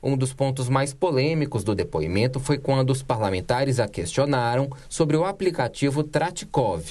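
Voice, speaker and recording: A woman news reporter reading a scripted report in a steady, measured way. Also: a bass voice.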